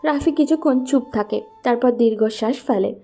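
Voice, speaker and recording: With light music behind her, a woman tells a scripted story at a moderate pace. She has a soft-toned, fairly high voice.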